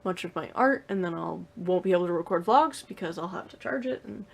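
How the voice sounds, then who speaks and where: A woman's voice: lowish voice, expressive, fairly quick, vocal fry, breathy edge. A young woman talking casually to the camera in her room at home, rambling with lots of fillers and restarts. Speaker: vlogger. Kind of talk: casual vlog talk to camera.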